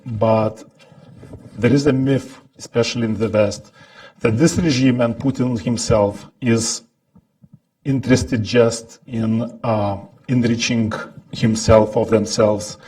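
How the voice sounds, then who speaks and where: Man, Lithuanian accent, very measured pace, halting panel remarks, medium pitch, recorded at a distance. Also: darkish tone. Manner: deliberate, halting, with throat clearing. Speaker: think-tank scholar, panel speaker. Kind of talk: prepared remarks at a panel talk.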